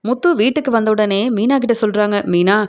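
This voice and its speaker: A woman's voice: medium pitch, a little fast, darkish tone. Woman retelling a serial, voicing every character. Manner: retells scenes and voices each character's lines herself. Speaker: serial recap narrator.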